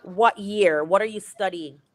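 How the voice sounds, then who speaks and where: A woman's voice: medium pitch, a little slow, no echo. A woman attorney advising callers on a live show, methodical and asking clarifying questions. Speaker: immigration attorney guest.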